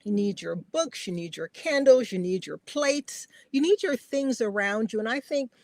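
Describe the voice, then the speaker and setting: Guesting on a podcast, this family caregiver from Guyana, a middle-aged woman, reflects with sincerity in an intimate talk and repeats phrases for emphasis. The recording is dry; she sounds lively and a bit high-pitched, with a darkish timbre and moderate pace.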